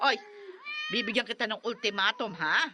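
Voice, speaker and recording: Against background noise, a woman with a medium-pitched voice at normal speed lightly acts a nagging middle-aged mother in a Filipino radio drama. She scolds angrily about her children's cats, which she resents, speaking emphatically and repeating herself.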